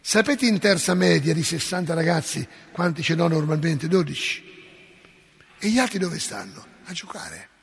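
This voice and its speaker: Gravelly-voiced priest preaching in church. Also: male voice, fairly high pitch, lively intonation, normal speed. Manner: impassioned, scolding, folksy asides. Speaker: parish priest. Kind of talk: sermon. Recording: long church reverb.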